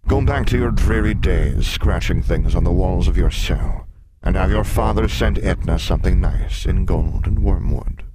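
A male narrator voicing a huge, ancient male sphinx who speaks in a booming, scornful way, louder than his narration. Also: normal speed, hardly any pauses, heavy background noise, natural voice. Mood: menacing. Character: huge menacing male sphinx, lion-bodied, mocking, ancient. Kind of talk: audiobook character voice.

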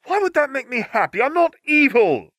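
A man voicing an exasperated, clever teenage witch in a storybook reading, in a high, breathy, sharp voice. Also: sing-song, normal speed, no room sound, clean studio sound, heavily acted.

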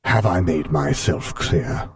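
Imposing masked dark lord read by a man, deep and deliberate, rumbling every word, audiobook style. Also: animated, slight background noise. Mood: measured. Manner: slow, deliberate, rumbling delivery.

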